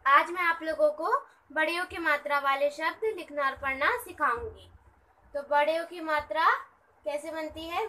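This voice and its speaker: A woman's voice: high-pitched, sharp tone, rough recording. A woman teaching children to write and read words, sounding each one out syllable by syllable. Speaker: teacher of a kids' channel. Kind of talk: children's writing lesson.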